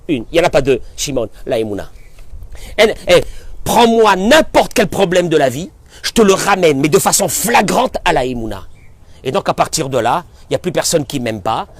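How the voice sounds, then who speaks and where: Rabbi preaching all fired up, high voice, swoops up and down, gets shouty then soft. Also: male voice. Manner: impassioned, swings from quiet to shouting; acts out dialogue with listeners, addresses them familiarly. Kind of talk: animated sermon.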